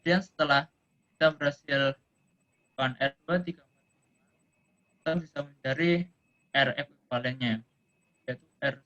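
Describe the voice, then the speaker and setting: A man's voice: mid-range voice, steady tone, moderate pace, long pauses, sharp tone, dull audio. A man, a student, working through circuit calculations aloud in an online class, hesitating and correcting himself, his voice choppy and faint as the call audio breaks up. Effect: choppy, faint audio breaking up over an online call. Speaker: student presenting homework.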